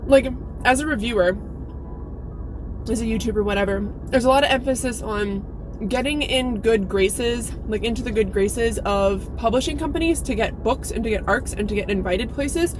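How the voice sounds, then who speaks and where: Casual American female vlogger, higher-pitched, frank and sweary, in a car with music audible. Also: normal speed, low-quality recording. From Alaska, United States. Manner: candid, sweary, informal with emphatic asides. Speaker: YouTube book reviewer and vlogger. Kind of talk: casual vlog chat. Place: inside a parked car.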